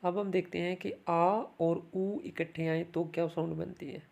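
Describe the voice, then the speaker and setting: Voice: mid-range voice, level tone, moderate pace, creaky, a little mellow. A language teacher giving a recorded lesson, explaining sounds step by step and saying each word twice for the learner to copy.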